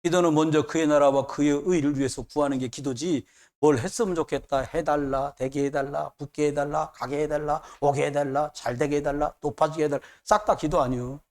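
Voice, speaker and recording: A man's voice: a little high, steady tone, a little fast, a little mellow. A man preaching a sermon as pastor, emphatic and repetitive, with joking asides.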